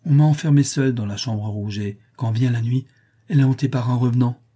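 A man's voice: mid-range voice, steady tone, a little fast, dark tone, husky, close to an everyday voice. A man voicing a proud, unhappy orphan girl of about nine in an audiobook, speaking earnestly and indignantly.

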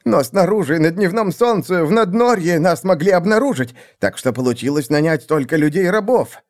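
A cringing rat-man assassin who whines and stammers before his master. His voice climbs very high above the narrator's own, thin and pleading. He sounds like a coward caught out in a fantasy audiobook. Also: sing-song, normal speed. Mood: whining. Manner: whining, stammering, grovelling.

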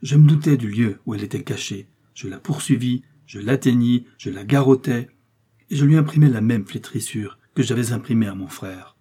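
A man playing a stern, solemn male executioner who tells his story gravely in an audiobook. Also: mid-range voice, mellow, natural voice. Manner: grave and measured.

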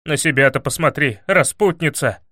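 A man voicing a brash, foolish young hero in an audiobook, prone to loud, excitable outbursts. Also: on the high side, normal speed, no echo, clean studio sound. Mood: indignant. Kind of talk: audiobook character voice.

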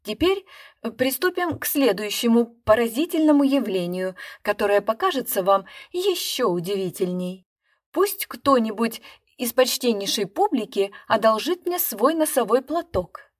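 A woman's voice: a little high, big pitch swings, normal speed. A woman voicing a nervous, shabby male stage magician with a trembling, apologetic patter. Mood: showman patter.

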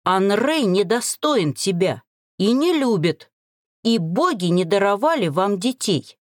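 A woman's voice: fairly high pitch, big pitch swings, normal speed, a little mellow, no room sound, studio quality, pitched above the performer's own voice. A woman voicing a guilty middle-aged woman in a storybook, pleading and insistent.

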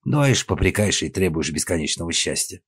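A man voicing a weary, exasperated young man in an audiobook, with a husky voice. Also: low-pitched, expressive, moderate pace, no echo.

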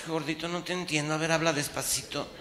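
A man's voice: fairly high pitch, steady tone, fast, pushed and bright. A man with a Mexican accent voicing an exasperated wife who scolds sarcastically. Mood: puzzled. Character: exasperated wife brushing her teeth. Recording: live hall recording, audience, echo.

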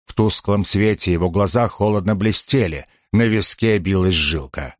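A man reading the narration of an audiobook in a steady, dramatic storytelling manner. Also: low-pitched, moderate pace, no echo, clean studio sound. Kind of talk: scripted narration.

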